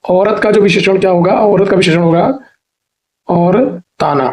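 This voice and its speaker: A man teaching a Hindi exam-prep class, asking a question and then answering it himself, repeating each answer and spelling words out slowly. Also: high voice, fairly even intonation, darkish tone. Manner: drops "theek hai" checks between points.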